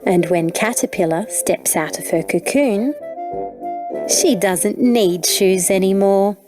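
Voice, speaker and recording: A British woman reads a children's storybook in a gentle, measured way. She takes it extremely slowly. Clear piano music plays under her voice on the storybook audio. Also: medium pitch. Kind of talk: scripted storybook narration.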